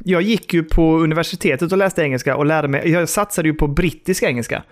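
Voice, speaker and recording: Man, high voice, casual podcast banter, animated. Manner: animated, mimics posh British English. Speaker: podcast co-host. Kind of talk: casual chat.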